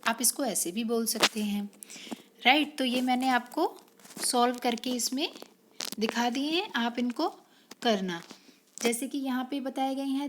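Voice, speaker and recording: Slow-talking woman teacher, high voice. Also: a little hiss or hum. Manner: mixes Hindi and English, asks and answers its own questions; slow, drawn-out reading of English sentences. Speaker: English teacher. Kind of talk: explaining a grammar exercise to children.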